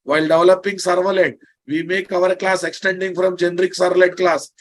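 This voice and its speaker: A man's voice: high-pitched, little pitch movement, normal speed. A man with an Indian accent lecturing online as a programming instructor, bluntly teasing, repeating his phrases and checking understanding with questions.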